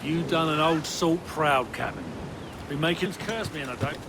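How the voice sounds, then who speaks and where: An actor playing a gruff, hearty old salt in a video game, speaking in salty dialect. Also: male voice, fairly high pitch, normal speed, background noise, natural voice. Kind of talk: video game character acting.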